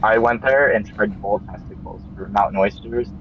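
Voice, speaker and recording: A man's voice: fairly low pitch, normal speed, dull audio, a little hiss or hum. A man chatting casually as a co-host on a gaming stream, heard through headset voice chat audio. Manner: easygoing, chatty.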